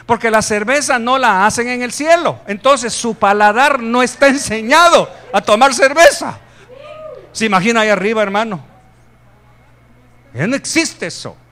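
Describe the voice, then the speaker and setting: Guatemalan preacher, high male voice, lively sermon with punchy emphatic peaks and humorous asides. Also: normal speed. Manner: animated preaching, rising loud for emphasis, joking asides. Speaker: pastor.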